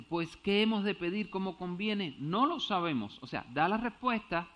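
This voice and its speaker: A man's voice: high voice, fairly bright tone. Man preaching in dull lo-fi sound. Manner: explains step by step, often asks if understood; stumbles over Greek words. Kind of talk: Bible teaching sermon. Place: church.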